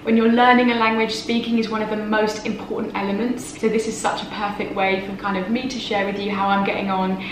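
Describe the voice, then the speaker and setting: A young woman from England chatting casually in a vlog, speaking slowly and carefully and laughing often. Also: mid-range voice, level tone, echoey room, background noise. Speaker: vlogger. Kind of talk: casual vlog, learning French. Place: indoors at home, study.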